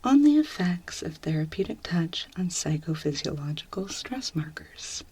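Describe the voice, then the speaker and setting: A woman in an ASMR role-play, speaking as a gentle clinic examiner in a soft, reassuring, step-by-step manner. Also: on the low side, very animated, moderate pace, husky. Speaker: ASMR performer playing a clinician.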